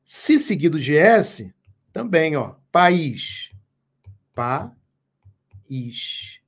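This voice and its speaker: A man teaching a live online grammar lesson, speaking slowly and emphatically, repeating key words and asking viewers questions. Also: high-pitched, lively intonation. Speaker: Portuguese teacher.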